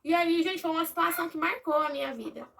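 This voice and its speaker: A Brazilian woman telling a personal story to her viewers in a casual, animated way, acting out what others said. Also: very high-pitched, fast, vocal fry, distant mic.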